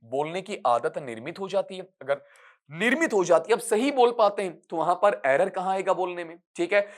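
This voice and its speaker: A man teaching an online exam-prep lesson, who reads English options slowly and then explains them in Hindi, asking and answering his own questions. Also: high-pitched.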